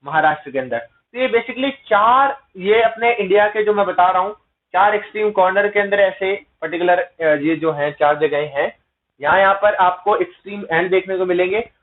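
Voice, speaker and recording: A man teaching an exam-prep lecture, asking rhetorical questions and checking in with his listeners. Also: high voice. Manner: explains with repeated rhetorical questions and "है ना" tag checks; mixes English terms into explanations. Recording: tinny phone-like sound.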